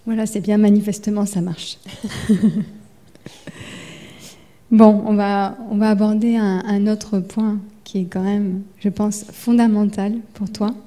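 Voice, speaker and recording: A woman's voice: medium pitch, level tone, a little slow, long pauses, warm tone. A woman moderating a library talk, searching for words as she puts a question to an author. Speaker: event moderator. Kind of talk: interviewing an author.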